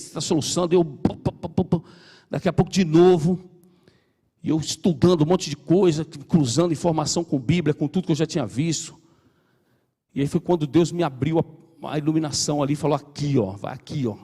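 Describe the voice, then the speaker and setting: A man's voice: on the high side, dark tone, big-room sound. A middle-aged man with a Brazilian Portuguese accent gives a personal testimony in church, earnestly re-enacting his own prayers and reading scripture aloud. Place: church hall.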